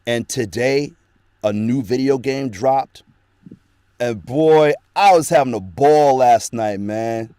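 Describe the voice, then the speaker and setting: His mid-range voice is slow, smooth, and dark as this voice actor talks at length, earnestly, in a casual interview where he's the guest. The stories ramble, and the dry recording comes from a small home studio.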